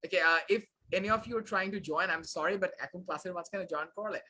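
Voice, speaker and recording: A man's voice: high-pitched, moderate pace, bright, forceful tone, slight background noise, low-quality recording. A young man teaching a live online class, switching between Bangla and English with frequent filler sounds.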